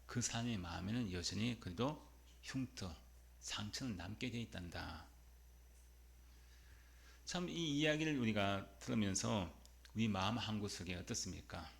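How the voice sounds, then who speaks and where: Gravelly-voiced man preaching a sermon. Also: lowish voice, expressive, normal speed, long pauses. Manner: storytelling with rhetorical questions to the congregation. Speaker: pastor. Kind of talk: Sunday sermon.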